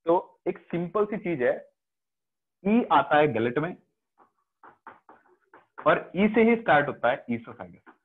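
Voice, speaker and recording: Speaking slowly with long pauses, a man with a slightly high, very animated voice teaches biology online. He has an Indian accent, mixes Hindi and English, and often makes sure students follow along. The video call gives the audio a phone-like sound.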